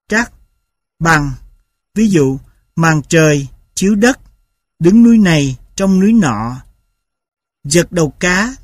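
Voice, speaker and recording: Male textbook narrator, slightly high voice, steady and measured, dry close mic. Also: dry recording. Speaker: narrator reading a linguistics textbook. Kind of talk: audiobook-style textbook reading.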